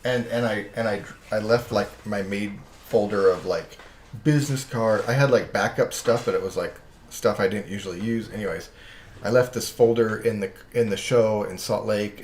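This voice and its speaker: A lower-pitched man rambles through a relaxed live-stream chat, restarting sentences and chuckling as he goes. His voice rings in an echoey room with a faint hum underneath. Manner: rambling, self-interrupting, chuckles often.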